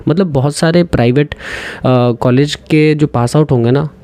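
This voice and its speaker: A man's voice: fairly high pitch, measured pace, darkish tone, no echo. A young man in his twenties from India, a dental student giving earnest, direct advice to exam takers in a casual vlog, often slipping into English phrases.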